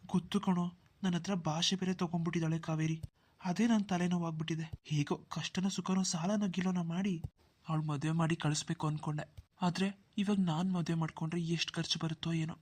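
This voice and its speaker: For a Kannada cartoon dub, a man voices a poor, anxious young brother from a village, who pleads and pities himself. His natural voice is a little high and darkish, with a steady tone and quick pace, and the mood is worried.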